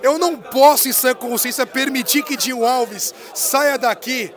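A man's voice: very high voice, measured pace, crowd noise. Hyped bearded man hosting a fair interview. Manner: hyped, slangy, jokey. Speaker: interviewer host. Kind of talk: casual event interview. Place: indoor music fair booth. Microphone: handheld mic.

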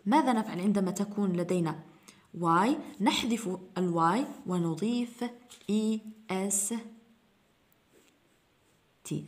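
Woman teacher explaining grammar step by step. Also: mid-range voice. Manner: explains step by step, asks and answers her own questions. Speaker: English teacher. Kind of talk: exam review lesson.

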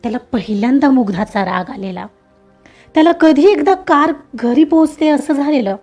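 A woman narrating a romantic story with expressive, emotional delivery. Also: high voice, normal speed, faint music behind.

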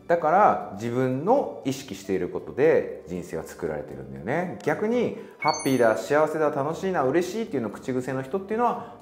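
A man talks to his viewers in a casual, storytelling way, often acting out dialogue as he goes. His voice rises and falls a great deal, swinging from low murmurs to high exclamations. He was recorded in an echoey room with faint music underneath. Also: a little mellow. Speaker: spiritual channel host. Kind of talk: casual spiritual talk to viewers.

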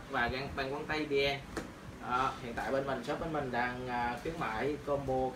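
A young man presenting boxing gloves and hand wraps in a casual product demo, speaking loosely with many fillers. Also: mid-range voice. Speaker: martial arts shop presenter. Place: small room in a shop, indoors. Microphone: camera on tripod a few meters away. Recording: roomy, distant camera audio with noise.

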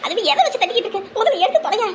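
A woman's voice: lively intonation, very fast, a little hiss or hum. A woman voicing a complaining old grandmother who wails about her leg pain in a comic sketch. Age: older. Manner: wailing, complaining, shrill. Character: whining old grandmother faking a leg injury.

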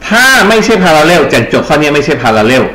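A man's voice: on the high side, big pitch swings, moderate pace, a bit bright, reverberant. A Thai man tutoring English grammar for exams in a Thai accent, explaining step by step and quizzing the class. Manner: explains step by step, asks the class questions and answers them himself. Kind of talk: exam-prep lecture.

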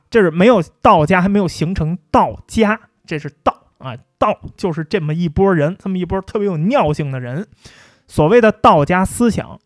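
Brief: male livestream host, high voice, dry close recording, joking and chatty. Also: no echo. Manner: chatty, jokey, colloquial. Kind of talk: casual philosophy talk.

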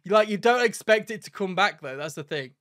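A man's voice: high-pitched, lively intonation, fairly quick, a bit bright. A man in his twenties chatting casually and reacting to clips, with sweary, laddish banter. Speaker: streamer reacting to video clips. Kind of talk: casual chat and reaction commentary.

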